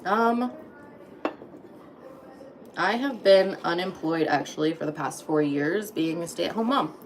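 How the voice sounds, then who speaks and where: Casual woman streamer, thirties, lowish voice, phone mic in a kitchen with faint hum. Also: slow pace. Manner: chatty, greets viewers brightly by name. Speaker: livestream host. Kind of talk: casual livestream chat. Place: home kitchen.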